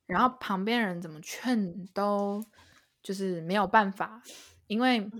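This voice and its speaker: Chatty woman host. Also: mid-range voice. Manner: chatty, expressive, quick to laugh. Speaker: podcast host. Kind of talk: casual chat.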